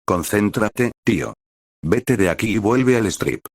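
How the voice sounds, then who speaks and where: Man doing a gruff hungover courier. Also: lowish voice, expressive, slow, dry recording, clean studio sound, full character voice. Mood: frustrated. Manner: cursing, self-scolding, flustered.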